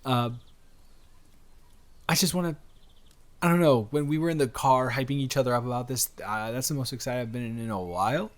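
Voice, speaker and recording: In an intimate audio roleplay, a man plays a wholesome, flirty stranger, speaking directly to the listener at a medium pitch in his natural voice. He rambles a little fast with long pauses, hesitant yet earnest and reassuring, with a gently teasing streak.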